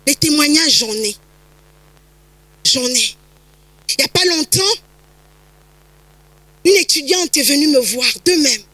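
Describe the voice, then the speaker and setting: A woman pastor delivers a sermon in a high, bright voice, repeating phrases and building to emphatic peaks. The sound is close and dry, with no room around it. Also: lively intonation, takes it slowly, long pauses, dry recording, rough recording. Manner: emphatic preaching, rising to shouts, frequent repetitions.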